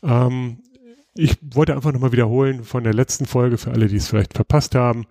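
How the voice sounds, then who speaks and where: A man hosting a casual podcast, talking through topics at an easy, explanatory pace. His voice is mellow and warm, recorded close and dry with no room sound. He often hesitates and restarts mid-sentence. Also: medium pitch, brisk, no echo. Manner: relaxed, explanatory, many filler sounds and restarts. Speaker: podcast host.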